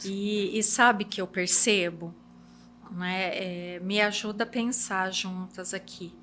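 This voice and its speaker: Slow, bright-voiced host woman. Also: mid-range voice, fairly even intonation. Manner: hesitant, searching for words, many "uhum" backchannels. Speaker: podcast host. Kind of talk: interview podcast.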